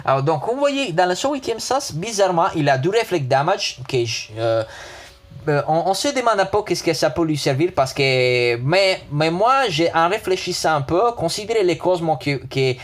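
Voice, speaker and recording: Halting man, foreign accent in French. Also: a little high, sing-song. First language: not French. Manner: halting, repeats words and restarts often. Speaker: gaming video host. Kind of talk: casual unscripted game character review.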